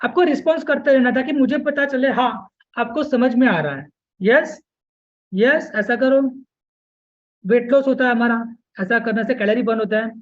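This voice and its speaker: A man with a very high-pitched voice coaches weight loss in a live webinar at a moderate pace, with lo-fi sound quality. He mixes English into his Hindi and repeatedly checks on listeners with "okay?" and "yes."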